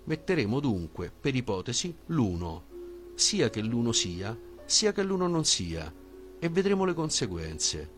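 A man voicing an old male philosopher who reasons in a measured, reflective way. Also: medium pitch, sing-song, over music, close to an everyday voice. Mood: reasoning.

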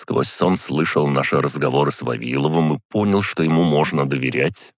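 A man narrating a first-person fantasy audiobook in an even, deadpan way, in a dry close recording. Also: rumbling low, a little fast, no echo. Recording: dry close studio sound.

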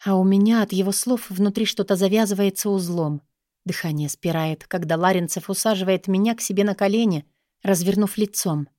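A woman's voice: medium pitch, a little fast, dark tone, no echo, clean studio sound. A woman reading scripted first-person romance fiction as an audiobook narrator, in an intimate, sensual way.

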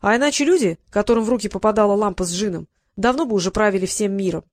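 A woman's voice: medium pitch, very fast, a little mellow, dry recording, studio quality, close to an everyday voice. A woman reading an audiobook, voicing a sly, evasive male genie who is thousands of years old, with a wheedling, mock-respectful manner. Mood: scheming.

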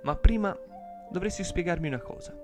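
A man voicing a calm, steadfast monk who speaks firmly and defiantly. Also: high voice, a little fast, music in the background, pitched above the performer's own voice, natural voice. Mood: calm probing. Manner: calm, then firm and defiant.

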